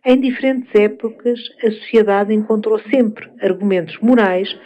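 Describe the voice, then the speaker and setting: A woman with a European Portuguese accent, giving a measured, thoughtful spoken essay with frequent pauses. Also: mid-range voice, dull audio.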